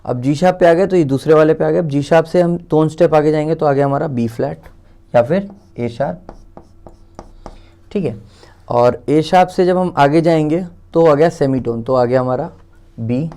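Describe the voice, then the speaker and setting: A man's voice: on the high side, moderate pace, dark tone. A man with an Indian accent teaching a casual music theory lesson, thinking aloud, counting out steps one by one and correcting himself as he writes. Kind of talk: casual explanatory lesson while writing.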